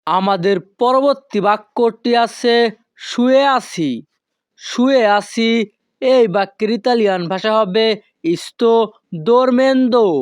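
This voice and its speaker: A woman giving a scripted language lesson, speaking slowly and carefully and repeating each phrase several times. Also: medium pitch, darkish tone, no echo, studio quality. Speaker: language teacher.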